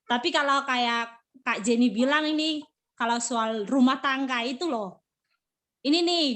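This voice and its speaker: An earnest woman gives a heartfelt church testimony over a video call. Her voice sits high and bright, and she repeats phrases as her feelings rise. It sounds like casual, home-recorded talk. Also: unhurried. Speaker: church member sharing testimony.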